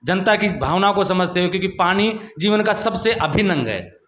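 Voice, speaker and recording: A man's voice: sits high, expressive, moderate pace, a bit bright. A male journalist interviewing a politician, asking pointed, confrontational questions.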